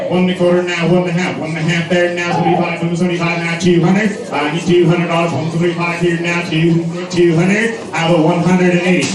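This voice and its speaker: A man working as an auctioneer at a live auction, calling bids in a repetitive patter of numbers. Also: fairly high pitch. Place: large echoey venue with a crowd. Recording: echoey hall from far off, crowd noise.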